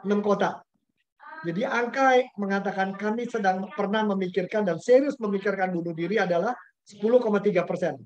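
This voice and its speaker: A man's voice: high-pitched, brisk. Chatty man, lo-fi call. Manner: chatty, storytelling, mixes in slang and English words. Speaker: pastor giving a webinar talk. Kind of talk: conversational talk with anecdotes. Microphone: webinar video call. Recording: dull lo-fi webinar audio.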